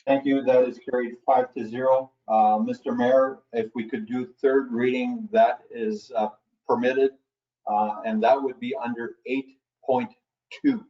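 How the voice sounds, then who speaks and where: A man's voice: medium pitch, unhurried, highs cut off. A man on municipal staff reporting procedure to council, hesitant and full of fillers.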